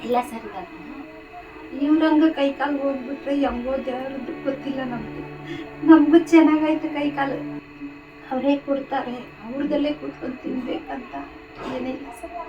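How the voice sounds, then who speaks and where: A middle-aged woman with a Kannada accent talks plainly, with a resigned tone. Her voice sits high, and music plays clearly under her. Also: fairly even intonation, normal speed, lo-fi sound. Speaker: wife and caregiver. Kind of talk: casual conversation.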